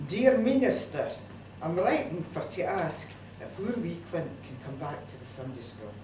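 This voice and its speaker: A woman with a broad Scottish accent tells a comic story as a mother's letter, her pitch swinging up and down in a lively way. She sounds set back from the mic in a roomy community hall, with clear background noise around her. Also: moderate pace. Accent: Scottish, broad Scots. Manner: lively, chatty Scots dialect delivery. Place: community centre hall, live audience. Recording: distant, roomy live hall recording with noise.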